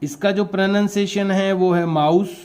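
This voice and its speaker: Man, teacher, Rajasthani Hindi accent, classroom lesson, dark mellow tone, spells words letter by letter. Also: high voice, steady tone, normal speed. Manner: explains patiently and repeats terms. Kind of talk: classroom lesson for young pupils.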